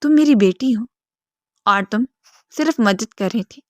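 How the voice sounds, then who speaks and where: A protective former soldier speaks to his daughter with gentle concern in a storybook reading, voiced by a woman. The voice is a touch high and dry. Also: expressive, no echo, natural voice.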